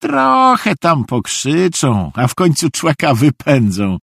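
A man's voice: on the high side, wildly swooping pitch, slow pace, gravelly, fairly bright tone, husky, dry recording, clean studio sound, pitched above the performer's own voice, full character voice. A man voicing a cheerful, simple-minded middle-aged soldier who talks naively and earnestly. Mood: chatty. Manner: naive, earnestly obliging, rambling.

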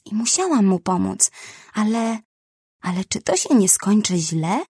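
A woman voicing a brave, eager young female rhinoceros who talks high and flustered. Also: very animated, unhurried, warm tone, slightly rough, dry recording, studio quality, full character voice. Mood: doubtful.

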